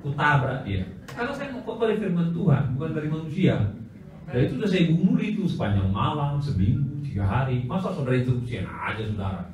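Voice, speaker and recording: Guy preaching loud in a big echoey church, voice kinda high, jumps all over when he tells stories. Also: fast talker, recorded from a distance. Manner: animated, acts out voices of people in his stories. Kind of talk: storytelling sermon at a church seminar. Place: church hall. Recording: very echoey hall, voice from off-mic.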